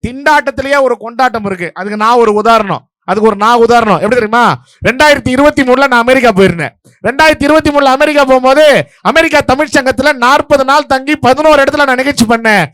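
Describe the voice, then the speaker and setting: A man from Vellore district in Tamil Nadu, judging a stage debate and giving his verdict in a rapid, playful, story-driven speech to a live audience. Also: very high voice, fairly bright tone, dry recording, clean studio sound. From Vellore district, Tamil Nadu, India.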